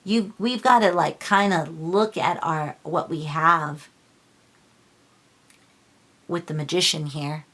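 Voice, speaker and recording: A woman's voice: deep voice, takes it slowly, long pauses, fairly bright tone. A woman giving a casual tarot reading on her channel, earnest and preachy, often restarting her sentences and getting emotional. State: emotional, near tears. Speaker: tarot reader.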